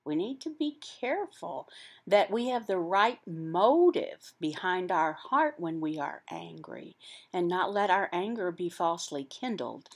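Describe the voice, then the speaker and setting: A woman with a voice on the low side delivers an interpreted sermon as explanatory teaching. She speaks in short, halting phrases, pausing between them.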